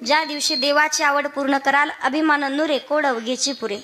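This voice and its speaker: Bright high-voiced woman kirtan preacher. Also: steady tone, soft background music. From Maharashtra, India. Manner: questions the audience and sings verses slowly. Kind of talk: devotional kirtan sermon with sung verses.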